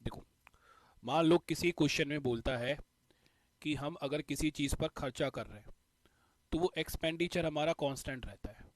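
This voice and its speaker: A man's voice: fairly high pitch, moderate pace, pauses often, no room sound. A male teacher explaining a math concept step by step, repeating the key points. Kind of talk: exam-prep math lesson.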